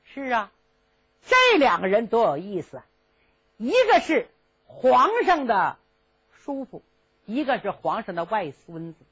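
Husky lively woman storyteller. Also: a little high, unhurried, long pauses. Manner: lively, dramatic narration. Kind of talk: traditional storytelling. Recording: dull lo-fi recording.

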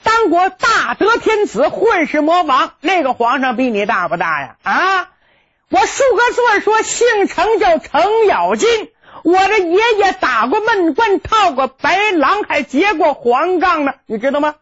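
A woman voicing a brash fourteen-year-old boy warrior who boasts and shouts in a storytelling performance. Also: very high voice, big pitch swings, measured pace, full character voice. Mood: defiant boasting. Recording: dull lo-fi recording.

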